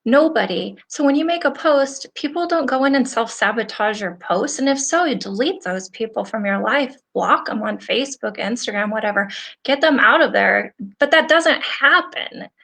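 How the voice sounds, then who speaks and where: A woman's voice: fairly high pitch, normal speed, vocal fry. A middle-aged woman hosting a casual live stream, talking straight to her viewers in an earnest, chatty way and laughing often. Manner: animated, with frequent laughter. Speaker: host of a live stream for nail professionals.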